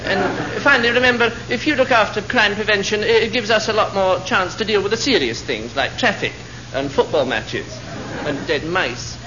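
Man playing a high-voiced crime prevention adviser. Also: moderate pace, close to an everyday voice. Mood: deadpan. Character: earnest, useless male crime prevention adviser. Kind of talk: deadpan comic lecture. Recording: dull, lo-fi, loud noise.

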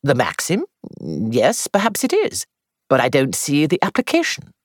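A woman reading aloud and voicing a practical middle-aged hostess who talks in a brisk, blunt way. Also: extremely low pitch, huge pitch swings, full character voice. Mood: puzzled.

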